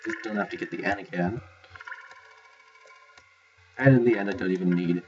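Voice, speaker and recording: A man giving casual let's play commentary, chatty and self-mocking, reacting loudly to what happens in the game. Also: low voice, normal speed, background noise. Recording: lo-fi capture with game music.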